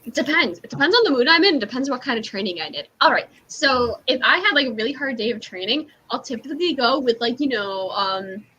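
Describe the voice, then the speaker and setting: A woman cosplayer chatting in character on a livestream, bubbly and excitable. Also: fairly high pitch, fast talker, few pauses, muffled recording, slight background noise. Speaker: cosplayer answering questions in character.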